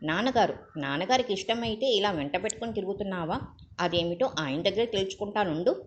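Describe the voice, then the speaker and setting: A woman's voice: lowish voice, animated, moderate pace, a little hiss or hum, close to an everyday voice. A woman reading as a stern, indignant young doctor. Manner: stern, reproachful questioning. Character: young male doctor, indignant protective brother.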